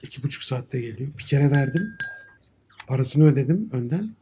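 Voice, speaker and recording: Man, 30s, casual banter, lively pitch, forward bright tone, faint background noise. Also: normal speed. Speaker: contestant on a joke-telling challenge show. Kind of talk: casual banter and joke reading. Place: indoor studio set. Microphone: studio microphone on a boom arm.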